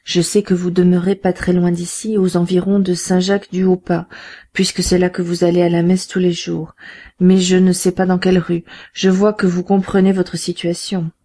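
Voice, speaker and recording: A man's voice: high voice, completely flat delivery, moderate pace, dark tone. A woman voicing a scheming, grasping middle-aged crook who gives curt, commanding orders in an audiobook. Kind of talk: audiobook character voice.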